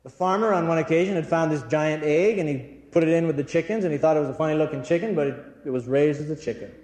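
A man delivers an earnest church talk full of storytelling, his voice a little on the high side. He speaks straight to the people in front of him. The recording rings with a long reverb from a large, echoing hall. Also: quick pace, a little mellow. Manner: earnest, storytelling, addresses audience directly.

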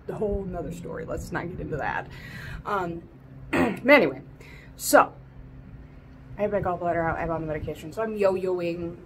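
An American woman in her twenties telling a personal story to camera in a halting, throat-clearing way, emotional as if she has been crying. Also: fairly low pitch, background noise. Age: 20s. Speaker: vlogger. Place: small room at home, indoors.

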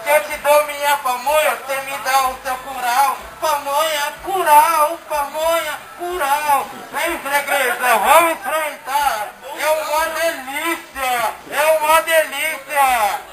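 A man putting on a sing-song street food vendor, hawking with drawn-out, repetitive calls in a noisy, echoey amateur recording. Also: very high voice, steady tone, a crowd in the background. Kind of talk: street vendor sales chant.

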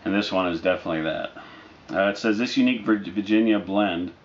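Casual male reviewer, deep voice, laid-back and halting, lo-fi living-room camera sound. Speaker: product reviewer. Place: living room, indoors, on a couch. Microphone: camera mic a short distance away. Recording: dull lo-fi audio with noticeable background noise.

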